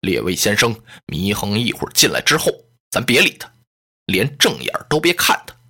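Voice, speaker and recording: Stern court adviser, low and controlled, voiced by a man. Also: sing-song, slightly rough, exaggerated voice. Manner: low, hushed, measured.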